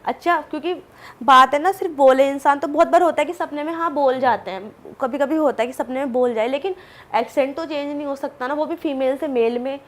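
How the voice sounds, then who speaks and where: Chatty woman guest with a slightly high voice, telling a story in a loose, animated way. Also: a little fast. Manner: chatty, animated, full of asides and fillers. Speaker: podcast guest. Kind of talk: casual storytelling.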